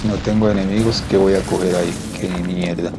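A man's voice: low-pitched, flat delivery, brisk, heavy background noise. A young man, commenting casually on his gameplay from a small room at home, muttering to himself, swearing and asking puzzled questions. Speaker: gameplay streamer. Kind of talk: casual let's-play commentary. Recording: loud game sound behind voice.

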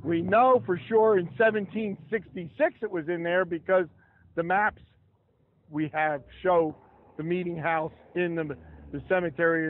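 An older man leading an outdoor history walking tour, chatty and given to asides, reading from his notes by a roadside. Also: on the high side. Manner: chatty, asides and restarts while reading from papers. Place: roadside sidewalk outdoors beside traffic. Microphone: camera held close in the crowd. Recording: tinny phone-like outdoor audio.

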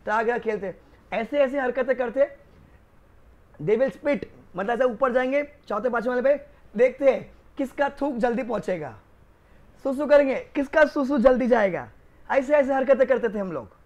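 Male law tutor, Rajasthani Hindi accent, high voice, chatty classroom storyteller. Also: highs cut off. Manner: chatty, joking, addresses students as kids. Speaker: law lecturer for accountancy students. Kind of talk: casual classroom lecture with stories. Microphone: new microphone.

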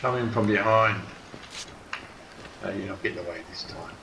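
A man's voice: sits low, moderate pace, vocal fry, roomy sound, background noise. A man giving casual gameplay commentary, muttering and grumbling dryly to himself.

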